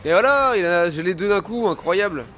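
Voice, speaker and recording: High-pitched male esports caster. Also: lively intonation, brisk, a bit bright, a little hiss or hum. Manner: colloquial, peppered with gamer slang. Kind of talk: live esports play-by-play commentary.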